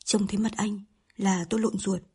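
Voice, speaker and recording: A harsh older mother berating a young suitor with contempt, read by a woman narrator. The voice is very breathy and mellow, almost whispered. It sounds like a storybook reading. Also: mid-range voice, flat delivery, normal speed. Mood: scornful. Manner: scolding, contemptuous.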